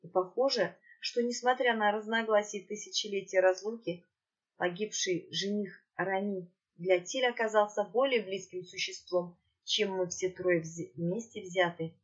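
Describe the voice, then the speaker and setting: A woman reading a fantasy novel aloud in the first person, with an even storytelling manner. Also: medium pitch, normal speed, slightly rough, muffled recording. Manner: even storytelling, occasional slips. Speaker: audiobook narrator.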